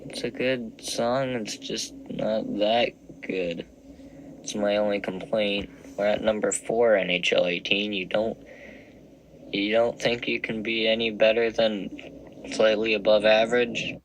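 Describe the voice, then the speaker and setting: A man's voice: fairly low pitch, fairly even intonation, a little slow, a little hiss or hum, rough recording. A young man in his twenties giving casual, wry commentary as he ranks songs, rambling and self-deprecating. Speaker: video creator ranking songs.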